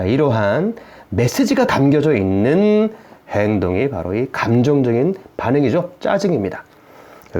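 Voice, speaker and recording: A man who works as a family therapist, giving an explanatory video lecture to parents in an animated way, full of rhetorical questions. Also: mid-range voice.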